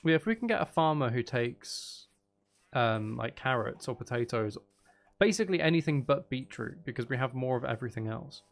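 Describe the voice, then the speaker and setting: A man streaming a game talks at a normal speed in an expressive, medium-pitched voice. His live commentary is chatty and casual, with him thinking aloud and muttering in mild exasperation as music plays behind him.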